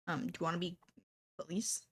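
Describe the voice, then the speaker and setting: A woman's voice: lowish voice, fairly even intonation, brisk, background noise. A young woman streaming a game, teasing and giggly in casual chat.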